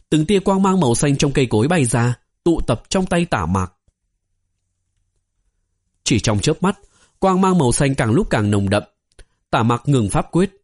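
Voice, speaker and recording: A man narrating a fantasy novel as an audiobook, in a steady storytelling manner. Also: mid-range voice. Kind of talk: scripted narration.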